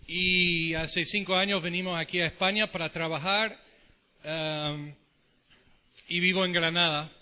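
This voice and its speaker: A visiting preacher from the United States, a middle-aged man whose American accent carries an Ecuadorian Spanish tint, delivers a sermon in church. His high, very bright voice holds a steady tone at a measured pace, and he repeatedly poses questions to the congregation while a long church reverb trails his words.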